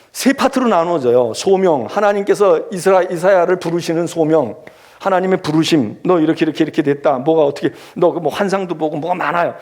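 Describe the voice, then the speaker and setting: A male pastor giving an animated sermon that he teaches through rhetorical questions. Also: fairly high pitch. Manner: animated, acts out scolding and comforting voices; asks the congregation rhetorical questions.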